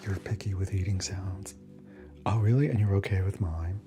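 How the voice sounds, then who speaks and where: A man's voice: sits low, fairly even intonation, normal speed, over music. A man whispering casually through an ASMR livestream, chatting with viewers and answering their comments between snacks.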